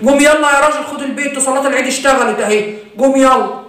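A woman's voice: high-pitched, very fast, a bit bright. A woman with an Egyptian accent playing a stubborn, bossy father who scolds his daughter and swears oaths. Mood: angry blustering. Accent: Egyptian Arabic. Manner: gruff, blustering, swearing oaths. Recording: roomy echo, voice from off-mic.

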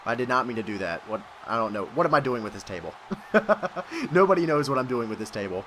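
A man hosting a gaming video, giving excitable let's-play commentary, yelling, laughing and trash-talking his opponent. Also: mid-range voice, rapid-fire, slight background noise. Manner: laughs often.

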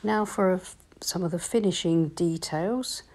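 Woman, watercolour teacher, low voice, calm step-by-step explanation. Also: normal speed. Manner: calm, explanatory, gently instructive. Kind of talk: painting tutorial voice-over.

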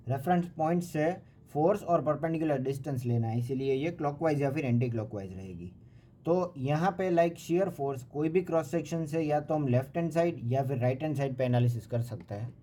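Indian man teaching at a mellow pitch. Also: a little hiss or hum. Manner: explanatory, repeats points, frequent fillers. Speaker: engineering teacher. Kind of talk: whiteboard-style lecture, mixing Hindi and English. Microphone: voice-over recorded over a handwritten sheet filmed from above.

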